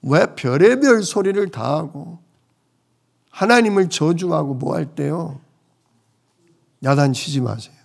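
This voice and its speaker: A male pastor delivers a sermon in a notably high voice. He swings between loud, emphatic declarations and soft, hushed asides, and voices the complaints of troubled people as he quotes them. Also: vocal fry.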